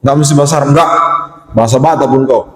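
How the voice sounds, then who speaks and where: A man giving a humorous Ramadan lecture, joking and acting out prayers in a high voice. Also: racing, a little mellow. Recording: echoey hall with long reverb.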